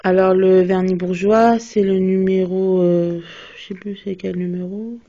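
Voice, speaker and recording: Flat in delivery and measured in pace, a young woman's dark, medium-pitched voice carries a casual product haul about her beauty purchases. As a beauty vlogger, she hesitates a lot with fillers and restarts. The phone video sounds dull and lo-fi.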